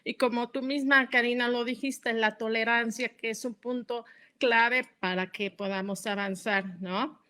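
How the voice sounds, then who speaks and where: A woman speaks as a panelist in an online discussion. Her voice is fairly high and bright, with an edge of tension, and her manner is earnest and affirming. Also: fairly even intonation, a little slow, clear, resonant tone.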